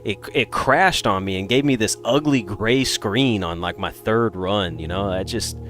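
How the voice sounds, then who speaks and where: A man's voice: lowish voice, a little slow, fairly bright tone, soft background music. Man playing a smug, clueless gamer. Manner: condescending, dismissive.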